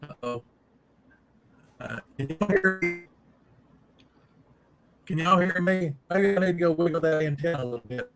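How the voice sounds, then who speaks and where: A man's voice: fairly high pitch, big pitch swings, moderate pace, gravelly, long pauses. A man, talking casually on a live call whose audio keeps cutting out and glitching. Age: 60s. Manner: easygoing, repeats himself while checking the line. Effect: choppy audio cutting out on a bad connection. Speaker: guest telling Bigfoot stories. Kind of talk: casual chat over a live video call.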